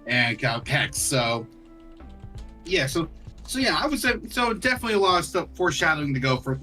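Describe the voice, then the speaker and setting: A man chatting casually on a podcast, animated and cursing freely, who slips into character voices. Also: a little high, fairly quick, soft background music. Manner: animated, swears often, puts on character voices. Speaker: co-host.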